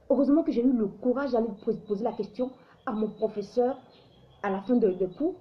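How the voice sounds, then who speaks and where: A woman from Africa hosts a live show, offering opinionated commentary in an emphatic, preachy style that often stumbles and restarts. Her voice is high, and the highs are cut off in the audio.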